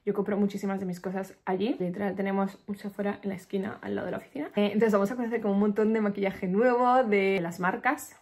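Excitable Spanish woman vlogger. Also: medium pitch, fast talker, few pauses. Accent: Spain Spanish. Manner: chatty, excitable, laughs often. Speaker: lifestyle vlogger. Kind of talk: casual vlog chat to camera.

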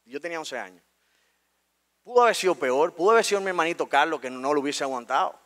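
Animated Dominican man telling a story. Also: on the high side, fast. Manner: animated, colloquial, acts out scenes. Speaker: speaker. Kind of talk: storytelling stage talk. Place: stage in a talk venue.

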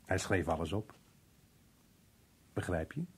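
An actor playing a muddled, evasive working man in an old radio drama, halting and puzzled, with a rough, husky voice. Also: low-pitched, heavily acted. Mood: rambling, confused. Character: muddled, evasive working-class man, slow to grasp questions.

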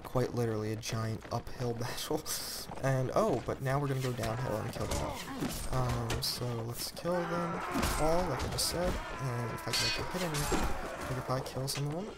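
A teenage boy giving rambling, excitable let's-play commentary, often correcting himself mid-sentence. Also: mid-range voice, heavy background noise. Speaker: gamer.

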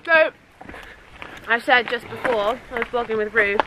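A woman's voice: on the high side, normal speed, background noise. A young woman and mother chatting casually and playfully outdoors for a family vlog, teasing herself as she goes. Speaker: vlogger, mother. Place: outdoors on a walk.

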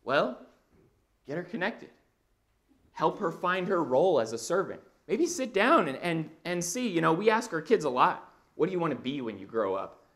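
A man in his thirties preaches in an animated, conversational way, moving about a church stage. His slightly high voice swings widely in pitch. He talks into a body mic in a church auditorium. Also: moderate pace. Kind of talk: sermon. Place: church auditorium with a projection screen.

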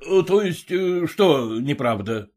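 A man's voice: fairly high pitch, lively intonation, slow, a little mellow, voice pushed up. Flustered big-voiced ringmaster, begging the crowd; man doing the voice. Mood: puzzled. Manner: bellowing, exasperated, pleading. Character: booming flustered male circus wrestling announcer. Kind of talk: audiobook reading.

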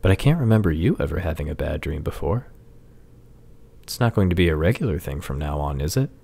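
A tiny devoted husband with a gravelly voice and a casual, easygoing way of talking, as a male narrator plays him. His pitch moves about lively as he reassures. The figure belongs to a read-aloud storybook. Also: brisk, full character voice. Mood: reassuring.

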